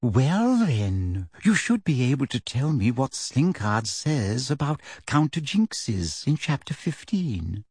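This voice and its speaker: A man voicing a prim, cold, middle-aged female teacher in a storybook reading, speaking slowly and softly with deliberate sweetness. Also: medium pitch, big pitch swings, husky, no echo, studio quality, exaggerated voice. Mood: coldly polite. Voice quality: soft, deliberate, half-whispered.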